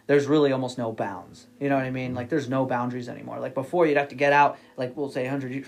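A man's voice: mid-range voice, steady tone, fast talker, creaky. A man guesting on a podcast, talking in a rambling, casual way, full of restarts, repeated words and frequent "you know what I mean" tags. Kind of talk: casual interview chat.

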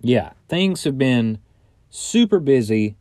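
A man's voice: mid-range voice, lively intonation, takes it slowly, darkish tone, dry recording, soft background music. A man hosting a casual solo podcast from inside a bedroom closet, chatting in an informal, rambling, joking way. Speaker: podcast host.

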